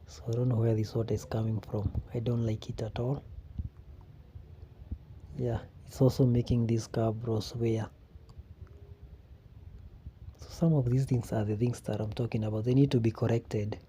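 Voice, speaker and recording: A man with a Kenyan accent narrating a casual walking vlog in an unhurried way, often repeating phrases for emphasis. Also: mid-range voice, little pitch movement, mellow. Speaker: vlogger. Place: outdoors on a quiet street. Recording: outdoor ambient noise.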